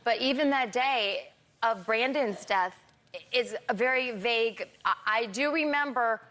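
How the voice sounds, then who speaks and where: Middle aged lady slurring her words, kinda high voice, defensive, keeps restarting what she says. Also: a bit bright. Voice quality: slurred speech. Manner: halting, repeats and restarts phrases. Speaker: talk show guest. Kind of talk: defensive interview answers. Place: television studio in front of an audience.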